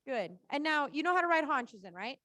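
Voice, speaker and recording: A woman's voice: sits high, sing-song, brisk, pushed and bright, no room sound. A woman working as a riding coach, calling out short, repeated cues live in an encouraging, informal and reassuring way.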